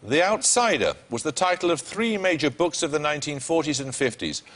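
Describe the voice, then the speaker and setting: A man hosting a television quiz show, reading questions in a crisp, dry and wry, briskly authoritative way. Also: on the high side, lively intonation, a bit bright. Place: television studio.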